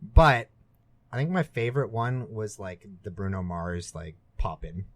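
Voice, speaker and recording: A man's voice: lowish voice, animated, measured pace. A young man co-hosting a podcast in casual chat, joking around with frequent restarts. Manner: jokey, hesitant restarts. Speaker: podcast co-host.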